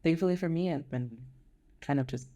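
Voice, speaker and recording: An American woman with a low, mellow voice talks fairly quickly, chatting casually as a guest on a podcast. Her manner is relaxed and conversational.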